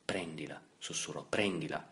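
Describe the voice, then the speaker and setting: A man playing a desperate father protecting his son, giving urgent, hushed commands in an audiobook. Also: fairly low pitch, normal speed, lightly acted.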